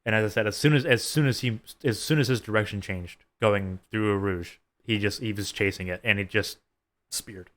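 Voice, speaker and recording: A man working as a race engineer, chatting through a post-race debrief in a halting, think-aloud way. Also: lowish voice, a bit bright.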